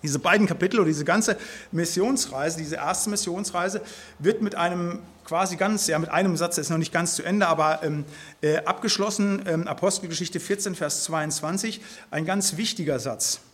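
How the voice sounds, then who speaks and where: A man's voice: sits high, normal speed, a bit bright. A man giving an informal Bible teaching, earnest and emphatic, tagging his sentences with "halt, nicht?". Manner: speaks in a loose spoken style, tags sentences with "halt, nicht?". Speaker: preacher.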